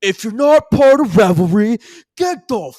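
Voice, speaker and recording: A man voicing rowdy young male frat bros yelling at people to leave. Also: sits high, expressive, measured pace, no echo, studio quality, voice pushed up. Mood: aggressive.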